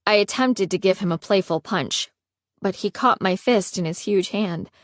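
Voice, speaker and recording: A woman reading a first-person romance audiobook in a steady storytelling manner. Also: medium pitch, moderate pace, no echo, studio quality. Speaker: audiobook narrator.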